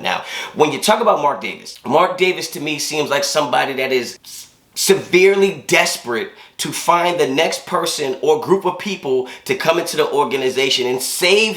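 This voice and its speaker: A man's voice: mid-range voice, fairly bright tone. A man with a sick, congested and wheezy voice gives casual, slangy sports commentary as a vlog host, repeating phrases for emphasis. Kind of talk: casual opinion commentary to camera. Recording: roomy echo.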